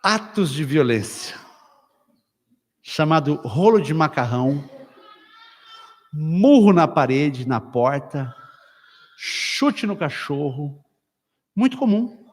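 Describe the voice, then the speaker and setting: A Brazilian man preaching to couples at a church retreat, telling stories with acted quotes and sudden loud bursts. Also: on the high side, big pitch swings, slow, pauses often. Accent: Brazilian Portuguese. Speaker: pastor. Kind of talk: lively sermon at a couples' retreat. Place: church hall. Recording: reverberant church hall.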